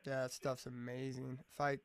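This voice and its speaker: Casual podcast guest, male, gravelly mid-pitched voice, relaxed and foul-mouthed. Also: normal speed. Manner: laid-back, profane storyteller who says "man" a lot. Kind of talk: casual chat.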